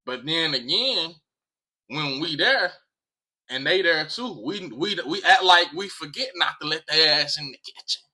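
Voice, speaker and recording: A man's voice: on the high side, animated, measured pace, bright, forceful tone. An American man talking casually to viewers in an emphatic way, repeating phrases and swearing freely. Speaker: vlog host.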